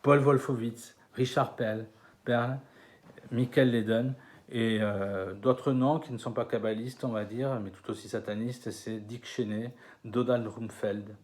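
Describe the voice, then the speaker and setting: A man from France giving a conference lecture, hesitant with many fillers and restarts, slowing down over names. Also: mid-range voice, fairly even intonation. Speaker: conference speaker. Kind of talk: lecture to an audience. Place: conference hall.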